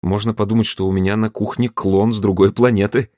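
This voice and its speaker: A man reading the lines of a gentle, searching woman in an audiobook. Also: lowish voice, flat delivery, a little fast, no room sound, clean studio sound, close to an everyday voice. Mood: wry.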